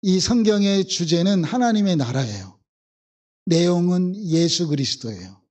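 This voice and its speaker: A man's voice: sits high, darkish tone. A male pastor from the Jeolla region, preaching a sermon and acting out biblical voices with emphatic repetition. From Jeolla, South Korea.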